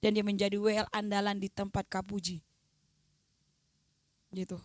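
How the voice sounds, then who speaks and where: A woman evangelist, preaching a sermon with personal testimony, dropping to hushed near-whispers and rising to loud emphatic declarations as she acts out remembered conversations. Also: medium pitch, little pitch movement, normal speed, dry recording. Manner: colloquial, acts out remembered dialogue.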